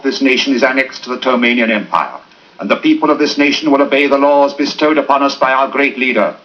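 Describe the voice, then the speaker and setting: A stern fascist minister in an old film. He declaims a pompous, menacing dictator-style rant with a sharp, forceful edge. The sound is dull and distant. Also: mid-range voice. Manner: ranting, declamatory dictator-regime speech. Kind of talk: theatrical film oratory.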